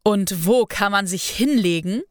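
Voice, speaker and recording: A bearded sports buddy, voiced by a woman with slow, teasing, grinning talk. Dry, close storybook reading. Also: mid-range voice, no echo, close to an everyday voice.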